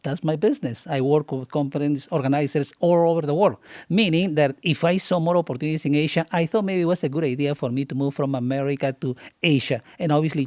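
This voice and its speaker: Peruvian-born guy as studio guest, confident, explains things point by point, slightly high voice, dry sound. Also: a little mellow, no echo. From Peru. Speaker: guest, business author and keynote speaker. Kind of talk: studio interview answer.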